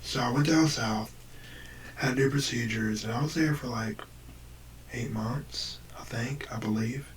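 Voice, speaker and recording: Speaking a little slowly, a young man from the U.S. shares a personal story on camera in a casual, halting way. His voice is deep and damaged, fading at times into breathiness, and it's picked up by a far-off mic with lots of noise.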